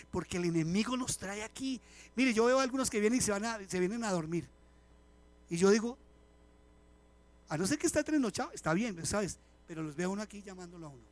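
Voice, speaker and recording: A middle-aged pastor preaches a live sermon to his congregation at a church service, his voice unusually high for a man. He stays animated and conversational, telling funny stories and putting questions directly to the people in the pews.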